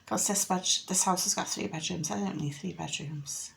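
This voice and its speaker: Gravelly and on the low side, this woman's voice moves at a normal speed over poor audio. A Liverpool-accented home renovation vlogger in her fifties, she gives a casual, matter-of-fact, meandering house tour indoors.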